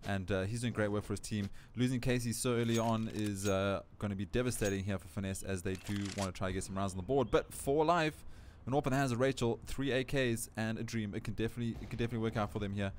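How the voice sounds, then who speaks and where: A man with a South African accent doing play-by-play esports commentary, excitable and climbing in pitch at big plays. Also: fast talker, hardly any pauses. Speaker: esports caster. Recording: noisy stream audio with game gunfire. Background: game gunfire and clicks.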